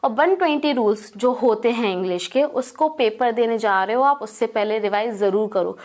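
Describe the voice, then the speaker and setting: A young woman with a noticeably high voice talks through her exam preparation tips. She sounds relaxed and encouraging. She drops English words into her talk as she goes. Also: normal speed. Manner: relaxed, reassuring, mixes English words into Hindi. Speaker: exam prep advisor. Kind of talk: casual study-advice talk.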